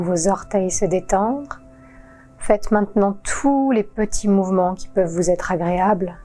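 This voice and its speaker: A woman yoga teacher guiding a relaxation session in a calm, soothing voice-over with long pauses. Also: mid-range voice. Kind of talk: guided relaxation narration.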